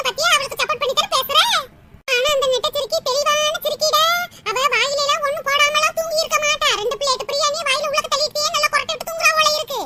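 A woman voicing a sharp-tongued, quarrelsome old mother-in-law in a cartoon comedy, with a nagging, scolding manner. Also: very high-pitched. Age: older. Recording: loud background noise.

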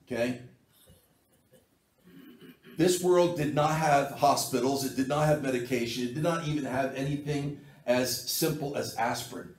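A man's voice: medium pitch, normal speed. A man preaching a sermon as pastor, in a plain conversational way, and asking his congregation to answer in their minds. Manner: conversational, asks the congregation to respond. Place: church sanctuary. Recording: echoey church, mic at a distance.

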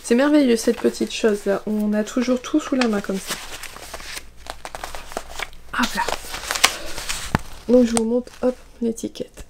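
A woman's voice: fairly high pitch, fairly even intonation, measured pace, creaky, long pauses, noisy background. A French woman hosting a knitting vlog, chatting casually and rambling with many fillers and asides. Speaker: knitting podcast host.

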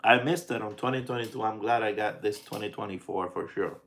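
A man in his forties hosting a casual live chat, talking in a halting way as he thinks aloud. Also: on the low side, a bit bright, a little hiss or hum. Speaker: pipe tobacco vlogger and live stream host. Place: small indoor room at home.

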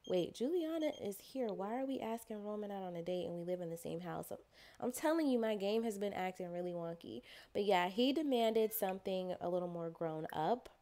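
A woman's voice: medium pitch, expressive, fairly quick, mellow. Chatty woman narrating a life-sim game. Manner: chatty and playful, voicing her characters' thoughts. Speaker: gameplay narrator. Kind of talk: casual let's-play commentary.

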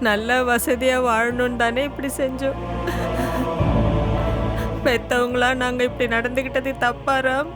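A woman's voice: a little high, little pitch movement, unhurried, pauses often, close to an everyday voice. A woman playing a sobbing, wailing mother. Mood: anguished. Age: middle-aged. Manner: wailing, repeating herself in anguish. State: crying. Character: distraught middle-aged mother, guilt-stricken. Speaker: grieving mother. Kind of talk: TV serial acting. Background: music score.

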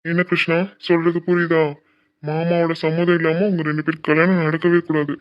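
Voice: medium pitch, flat delivery, fairly quick, highs cut off, lightly acted. A voice actor playing an earnest middle-aged father in a cartoon, lecturing his son about marriage and studies.

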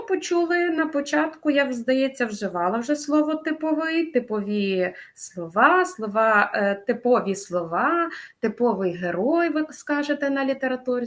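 A middle-aged woman teacher walks through test answers in a language lesson. She is patient and explanatory, and she slows down to stress each key word clearly. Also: fairly high pitch. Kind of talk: lesson going over a grammar test.

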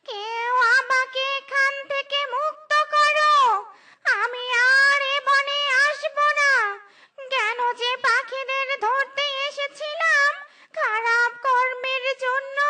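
A woman voicing a tormented wicked witch in a children's cartoon, crying and begging in drawn-out, anguished wails. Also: extremely high pitch. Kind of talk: children's cartoon story acting. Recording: music under the voice.

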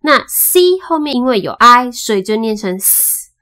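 A woman teaching English phonics, patiently spelling out sounds and repeating each word slowly. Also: a little high, very animated, bright, forceful tone. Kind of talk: slow spoken phonics lesson.

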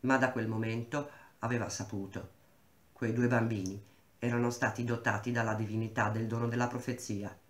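Male reader, mid-pitched, measured literary reading, roomy echo. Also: level tone. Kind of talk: reading a novel aloud.

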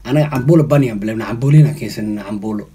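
A man's voice: lowish voice, racing, dark tone, breathy edge. A man in his thirties chatting casually for a vlog, recorded by a camera in a living room.

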